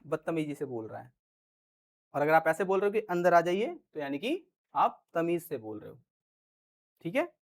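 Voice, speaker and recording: A male English teacher with a high-pitched voice gives a casual Hindi grammar lesson in a chatty style. He keeps repeating "ठीक है" and acts out example lines in different tones.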